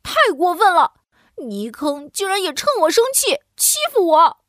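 Storybook piglet boy, sulky and whiny, high and jumpy as a woman puts him on. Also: sing-song, measured pace, dry recording, studio quality, exaggerated voice. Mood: huffy. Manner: whiny, huffy, pouting. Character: grumpy little boy piglet, sulky and pouting.

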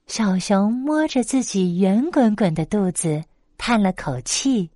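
A woman narrating a bedtime story, gentle and expressive. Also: mid-range voice, a little slow, dry recording, clean studio sound.

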